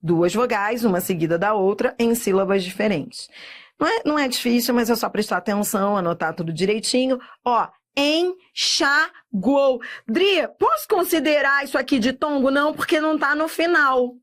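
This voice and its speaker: A middle-aged woman with a Brazilian Portuguese accent, teaching a recorded exam-prep lesson and drawing words out slowly, often checking in with "tá?". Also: a little high, lively intonation. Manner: slow, drawn-out spelling of words with frequent checks like "tá?".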